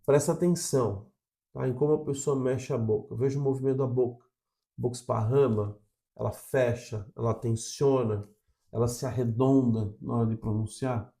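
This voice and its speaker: Warm-voiced Brazilian man coaching viewers. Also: medium pitch, steady tone, normal speed, vocal fry. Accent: Brazilian Portuguese. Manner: coaching, checks in with frequent "tá?". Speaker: English teacher. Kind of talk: direct-to-camera lesson.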